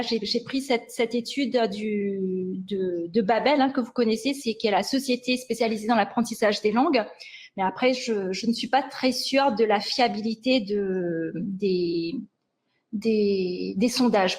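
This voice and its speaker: A woman giving a lecture with slides on language sciences, speaking hesitantly and often restarting and correcting herself. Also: fairly high pitch.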